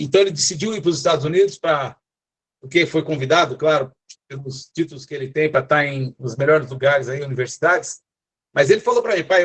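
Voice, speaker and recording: Earnest São Paulo preacher on a video call. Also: male voice, on the high side. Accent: São Paulo Portuguese. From São Paulo, Brazil. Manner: earnest, exhorting, frequent tag questions. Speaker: apostle, guest preacher. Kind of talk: online church preaching.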